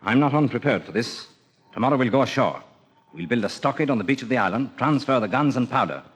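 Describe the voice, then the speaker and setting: An actor playing a stern, resolute sea captain in an audio drama, clipped, commanding and sardonic. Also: male voice, mid-range voice, lively intonation, quick pace, husky. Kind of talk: audio drama acting on a record.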